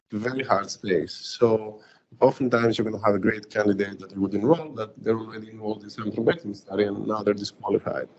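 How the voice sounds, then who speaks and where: A man's voice: lowish voice, quick pace. A man speaking conversationally as a startup founder on a panel. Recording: dull lo-fi room recording, background noise.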